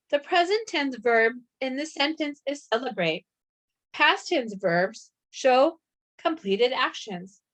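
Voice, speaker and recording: A woman reading a scripted grammar lesson, slow and even, spelling out letters one by one. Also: high voice. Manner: reads slowly and evenly, spelling out letters. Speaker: grammar instructor.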